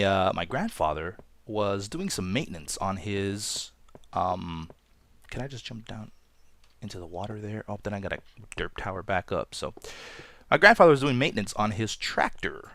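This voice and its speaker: A man's voice: on the low side, very animated, unhurried, pauses often, a bit bright, dry recording. A man from Toronto hosting a Let's Play, telling a story in a chatty, rambling, self-deprecating way over gameplay. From Toronto, Canada.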